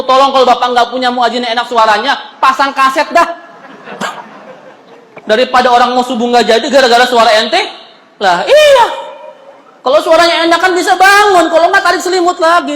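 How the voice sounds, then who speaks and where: A man's voice: extremely high pitch, sharp tone, roomy sound, long reverb tail, a little hiss or hum, low-quality recording. A male preacher giving a humorous, colloquial sermon in a mosque, joking with and addressing the audience directly. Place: mosque hall.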